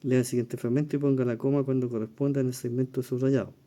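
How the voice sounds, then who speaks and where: A Chilean man with a very dark, mellow voice leads an exam-prep lesson. He explains each question patiently, thinking aloud, pausing on fillers and asking "¿ya?" as he goes. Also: mid-range voice, little pitch movement. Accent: Chilean Spanish. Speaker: teacher reviewing exam questions.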